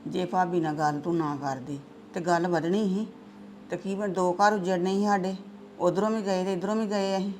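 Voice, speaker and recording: A woman's voice: lowish voice, steady tone, moderate pace, darkish tone, slight background noise, natural voice. A middle-aged woman playing a stern mother who lectures her daughter in a family drama. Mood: reproachful. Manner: lecturing, reproachful.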